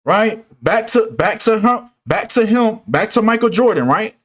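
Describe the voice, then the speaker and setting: Fired-up guy with a higher voice, keeps pressing "right?" at you. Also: unhurried. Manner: animated, insistent, repeats "right?" and "come on, man". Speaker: commentator. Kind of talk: casual commentary video.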